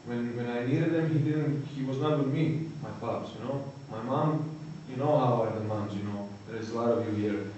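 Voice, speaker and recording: Croatian man, halting talk in an echoey hall. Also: mid-range voice, dark tone, highs cut off. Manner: halting, searching for words, frequent "you know". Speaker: recovering addict giving testimony. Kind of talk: personal testimony talk. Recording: echoey hall, distant mic, faint noise.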